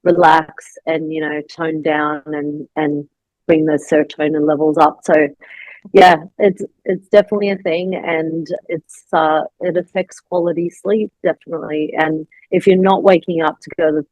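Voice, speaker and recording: Low-voiced woman coaching calmly. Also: normal speed, dry recording, low-quality recording. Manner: reassuring, advisory, thinks aloud with fillers. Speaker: bodybuilding coach and host. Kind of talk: casual podcast conversation.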